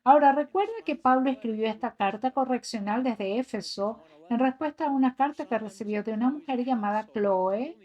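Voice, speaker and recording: A woman's voice: a little high, darkish tone, muffled recording. A woman giving an earnest voice-over translation of a sermon, reading scripture passages aloud. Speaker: sermon interpreter.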